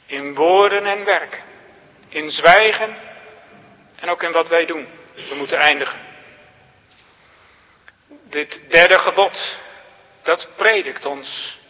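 A man preaching a sermon in a church, in a slow, solemn style with emphatic rising phrases. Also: a little high. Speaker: pastor. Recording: lo-fi church recording with long reverb.

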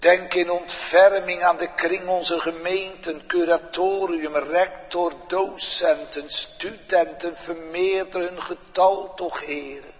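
Slow solemn pastor in a church. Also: male voice, sits high, steady tone. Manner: slow solemn litany of petitions. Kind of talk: pulpit prayer. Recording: dull lo-fi church recording with long reverb.

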